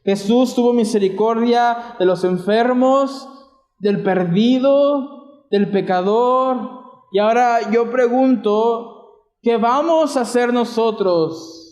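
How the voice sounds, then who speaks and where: A man's voice: very high-pitched, takes it slowly, a little mellow, echoey room. A man with a Mexican Spanish accent preaching a sermon as pastor, asking the congregation rhetorical questions and retelling scripture in everyday terms. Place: church.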